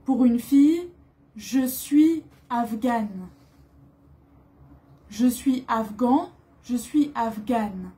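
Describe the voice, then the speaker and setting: A woman from France teaching beginner French, speaking slowly and repeating each word with careful articulation. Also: sits high, lively intonation, dark tone. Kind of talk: slow beginner language lesson.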